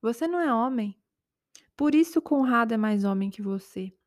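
A woman voicing the taunting inner voices in a man's head, speaking low, quiet and sneering in a spoken story. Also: animated, moderate pace, close to an everyday voice. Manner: sneering, contemptuous.

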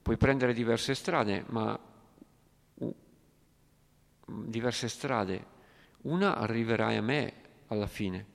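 Persistent Indian woman arguing back, read by a man. Gravelly tone, roomy echo. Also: fairly low pitch, takes it slowly, long pauses. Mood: questioning. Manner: questioning, insistent. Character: doubtful Indian woman arguing about faith. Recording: echoey hall reverb.

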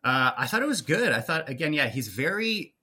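A man chatting on a podcast with an animated, lively pitch that jumps around. His tone is bright and forward, and he breaks into excited acted-out quotes. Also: fairly quick, husky. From Los Angeles. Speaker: guest comedian. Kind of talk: casual podcast chat.

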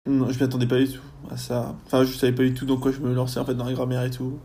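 A young man, a university student, chatting casually in a podcast interview, often pausing on fillers as he thinks. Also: medium pitch, completely flat delivery, warm tone. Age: young adult. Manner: chatty, lots of hesitations and fillers.

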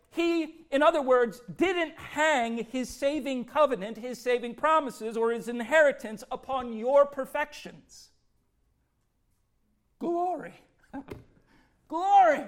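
A pastor preaching an impassioned sermon, swinging from hushed, tender passages to loud, ringing declarations. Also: male voice, very high voice.

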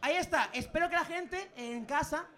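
High-voiced man joking on a live podcast. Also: a little fast, sharp tone. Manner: joking, rambling asides. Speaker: podcast co-host. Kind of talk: casual live podcast banter. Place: pub.

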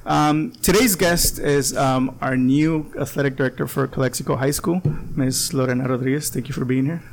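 Gravelly man hosting a podcast. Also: mid-range voice, moderate pace, slight background noise. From Southern California border town. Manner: rambling, many fillers. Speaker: podcast host. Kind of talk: casual podcast interview.

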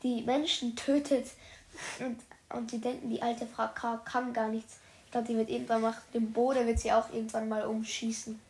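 A woman's voice: fairly high pitch, flat delivery, normal speed, darkish tone. A woman reading a children's detective book aloud to her viewers, stopping often for chatty, slangy comments. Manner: chatty, addresses viewers as "Leute", youthful slang. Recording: roomy echo.

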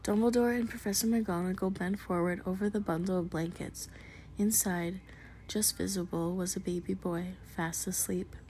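A woman reading a storybook aloud in a soft, hushed whisper. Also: on the low side, fairly even intonation, normal speed, slight background noise.

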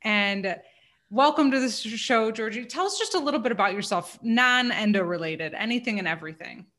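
A woman's voice: fairly high pitch, expressive, brisk, a bit bright. A woman hosting a podcast, opening the episode and chatting casually with her guest. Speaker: podcast host. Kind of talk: casual interview chat.

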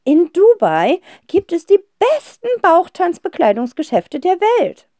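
A woman voicing an eccentric, theatrical old aunt with a gushing, drawn-out manner in a children's audiobook. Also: extremely high pitch, wildly swooping pitch, warm tone, dry recording, studio quality, voice pushed up, heavily acted.

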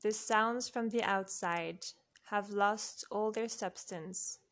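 Leading a guided relaxation for sleep, a woman speaks softly and unhurriedly in a medium pitch. She goes very slowly, leaving long pauses between short phrases.

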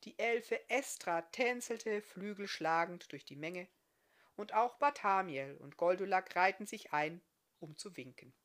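A woman author reading her fairy-tale novel aloud in an expressive, lively storytelling manner. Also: medium pitch, unhurried.

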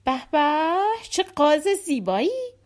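Storybook henchman: a woman voicing a wicked, flattering man, sly. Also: on the high side. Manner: fawning, sly.

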